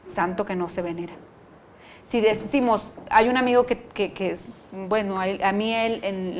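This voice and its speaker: A woman's voice: medium pitch, a little hiss or hum. A woman psychologist lecturing an audience, acting out what parents and children say. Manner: lively, acts out quoted parents and children.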